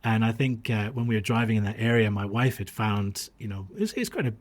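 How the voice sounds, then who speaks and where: Born in Australia and brought up across the US and Dubai, this man is a podcast guest telling anecdotes conversationally, pausing and reflecting as he goes. His voice is lowish, his intonation lively, and his pace brisk.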